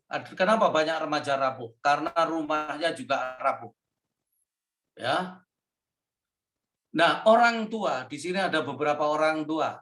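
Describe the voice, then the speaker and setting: High, bright-voiced male pastor, echoey hall. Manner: emphatic preaching, acts out quoted voices with pitch jumps. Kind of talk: workshop sermon to youth and parents. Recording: echoey hall, far from mic.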